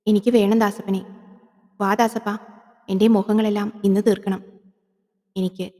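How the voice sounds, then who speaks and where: A woman voicing a vengeful, seductive female yakshi spirit in a horror audio drama, coaxing slowly and intimately. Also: medium pitch, little pitch movement, mellow, long reverb tail, lightly acted. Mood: luring.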